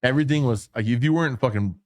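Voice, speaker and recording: Guy rambling fast in a podcast chat, cussing a lot, dry close sound. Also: medium pitch, darkish tone, no echo. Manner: rambling, swearing, restarts a lot. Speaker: podcast co-host. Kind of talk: casual chat.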